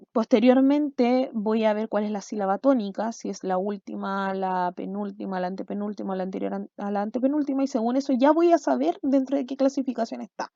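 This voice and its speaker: A woman teacher explains a language lesson for video, often checking in with her students with quick questions. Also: a little high, creaky, mellow, no room sound, muffled recording.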